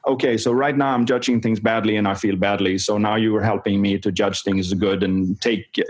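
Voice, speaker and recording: Speaking on the low side with a breathy edge, a man who coaches performance shares a story in an interview, bringing the dialogue to life with lively impressions and frequent laughs.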